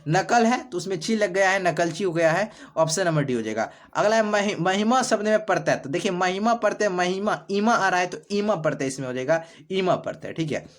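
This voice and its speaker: A man's voice: high-pitched, lively intonation, a little fast, hardly any pauses. A man, teaching as an exam prep tutor, walks through multiple-choice questions, repeating each answer back as a question with many fillers.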